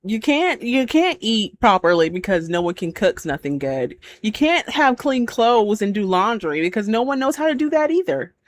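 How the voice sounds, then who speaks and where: A woman's voice: mid-range voice, sing-song, moderate pace, few pauses. A woman hosting a reaction video, chatting casually, exclaiming and laughing often as she reacts.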